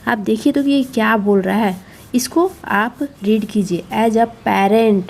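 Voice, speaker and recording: A woman's voice: a little high, takes it slowly, gravelly. A woman explaining a schoolbook to parents, coaxing and reassuring, often repeating herself.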